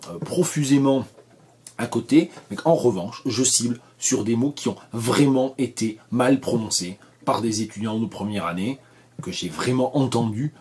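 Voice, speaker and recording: Male teacher, slightly raspy, patient explanations, stresses syllables clearly. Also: medium pitch, darkish tone. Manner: careful, stresses example words. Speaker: English teacher. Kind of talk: pronunciation lesson.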